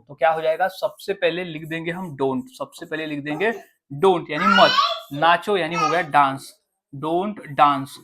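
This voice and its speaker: Low-voiced woman teaching English. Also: noisy background. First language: Hindi. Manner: explains step by step, repeats each phrase slowly. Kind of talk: spoken English lesson.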